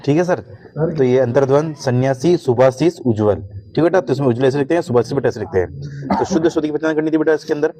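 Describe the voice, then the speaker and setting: A man's voice: medium pitch, fast talker, dark tone. A man teaching a Hindi spelling lesson to students, speaking Hindi with a Hindi accent, repeating "thik hai sir" and calling the students "beta" again and again. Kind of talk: online class lesson.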